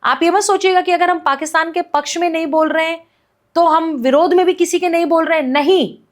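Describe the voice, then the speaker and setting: A woman activist talking as a guest on a podcast, her voice pitched very high. She argues with heated conviction, piling up repeated phrases and rhetorical questions. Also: fairly quick. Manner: forceful, repetitive rhetorical ranting. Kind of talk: impassioned podcast commentary.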